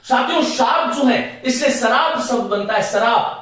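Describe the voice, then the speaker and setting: A man's voice: very high voice, unhurried, a bit bright. A man teaching Hindi grammar in a classroom lecture, explaining step by step and repeating his points to the students. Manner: repetitive, explaining step by step and addressing students as friends. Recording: echoey room, voice from a distance.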